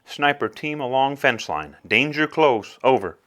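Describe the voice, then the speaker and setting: A man playing a sniper team spotter making a calm, clipped radio fire call in military procedure. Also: medium pitch, a little slow. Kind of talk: scripted military radio role-play.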